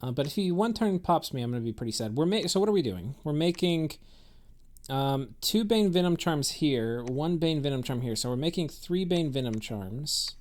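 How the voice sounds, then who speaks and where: A man's voice: on the high side, animated, normal speed, darkish tone. A man giving casual, rambling commentary on a strategy game he is playing, thinking aloud with many fillers and restarts. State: has the hiccups.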